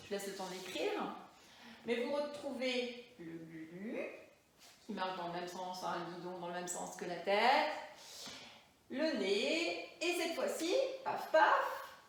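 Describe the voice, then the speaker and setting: High-voiced woman teaching young children. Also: fairly bright tone. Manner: slow, encouraging, sounds out letters and syllables. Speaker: first-grade teacher. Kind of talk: remote handwriting lesson for young children. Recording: echoey room.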